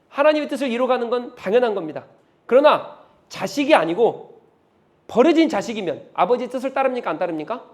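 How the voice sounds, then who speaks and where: A male pastor preaches with a high-pitched voice. He is emphatic and fires off rhetorical questions. His volume swings between loud stresses and hushed lines. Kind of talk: sermon.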